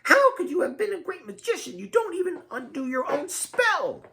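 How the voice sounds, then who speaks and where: Lydia, a shrill elf warrior voiced by a man. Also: sing-song, moderate pace, gravelly, heavily acted. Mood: furious. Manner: screechy, high and loud.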